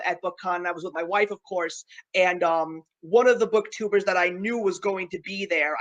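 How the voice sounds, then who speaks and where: A woman hosting a live-streamed video chat, telling stories in a chatty, animated way and laughing often. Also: mid-range voice, low-quality recording. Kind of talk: casual chat.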